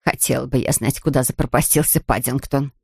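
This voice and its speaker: A woman's voice: deep voice, brisk, husky, no room sound, studio quality. A woman voicing a grumbling older female housekeeper in a storybook reading.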